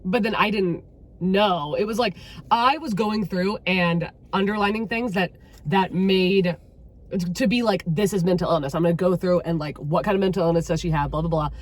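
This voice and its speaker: A woman chatting casually about a novel she read, animated and swearing freely as she acts out her own reactions. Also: on the low side, normal speed. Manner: animated, swearing, quotes herself dramatically. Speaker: book vlogger. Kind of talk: casual book chat.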